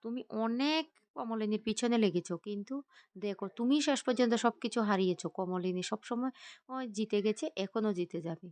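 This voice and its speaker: A woman's voice: medium pitch, normal speed, a little mellow, dry recording, close to an everyday voice. A woman voicing a stern elder brother who heads the household and lectures in a scolding tone.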